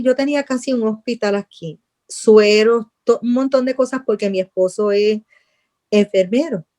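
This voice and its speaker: Woman with a mellow, earnest voice. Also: a little high. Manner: earnest, repeats phrases, drops to soft voice when praying. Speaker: interviewee telling her illness testimony. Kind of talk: emotional personal testimony.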